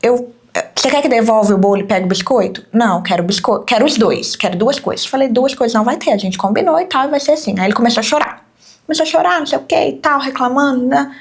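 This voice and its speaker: A woman's voice: sits high, fast talker. A woman and mother chatting casually, telling stories with lots of fillers. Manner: chatty storytelling with many fillers. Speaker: podcast host, mother. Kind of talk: casual chat.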